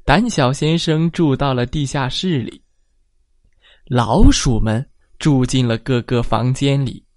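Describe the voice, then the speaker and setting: A woman telling a bedtime story to children in a gentle, sing-song manner. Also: extremely low pitch, slow pace, no room sound, clean studio sound.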